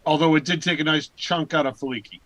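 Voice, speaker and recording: A man's voice: fairly high pitch, fairly even intonation, fast, fairly bright tone, no room sound, low-quality recording. A man playing at a tabletop game, making wry jokes about his character's luck. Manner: joking, wry. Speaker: player. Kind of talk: casual tabletop play.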